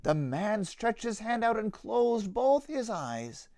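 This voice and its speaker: A man with a high voice takes his time reading a children's storybook aloud, pastor-style, with a theatrical rhythm and highly animated intonation. The audio is dry, free of any room reverb.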